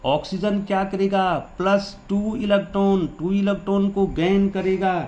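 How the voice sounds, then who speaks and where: High-voiced teacher in an echoey room. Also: male voice, flat delivery, normal speed, a little mellow. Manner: coaxing, quizzes the class with repeated questions. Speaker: science teacher. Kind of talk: chalk-and-talk lesson to school students. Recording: echoey room, faint background noise.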